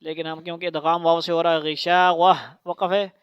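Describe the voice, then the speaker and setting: A woman teaching Quran recitation to a child, spelling out syllables slowly for repetition and then explaining rules in quicker bursts. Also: on the low side, flat delivery, clear, resonant tone, no room sound, dull audio.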